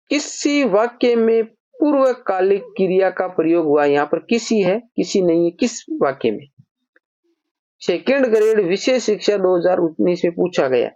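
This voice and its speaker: A man's voice: high-pitched, a little mellow. A man teaching an exam-prep grammar lesson, patiently explaining and dictating example sentences word by word. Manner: patient, explanatory, calls listeners brother. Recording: dull lo-fi recording.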